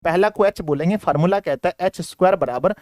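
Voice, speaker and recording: Lively high-voiced male maths teacher. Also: fast, no echo, clean studio sound. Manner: playful, acts out students' replies in a sing-song voice. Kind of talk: energetic classroom lesson.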